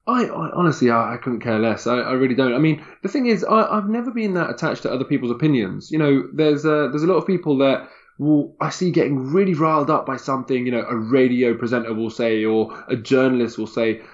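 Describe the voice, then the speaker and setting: A man's voice: mid-range voice, lively intonation, fairly quick, hardly any pauses, highs cut off. A man, a guest in a casual podcast conversation, talking candidly and emphatically, often repeating himself.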